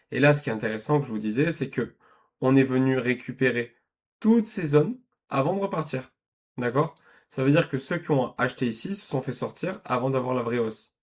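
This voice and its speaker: Male trading teacher, mid pitch, chatty walkthrough with frequent check-ins. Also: a little mellow. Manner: conversational, checks in with "d'accord?" and "ok?"; thinks aloud with restarts and self-corrections. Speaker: trading educator. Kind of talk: screen-share trading lesson.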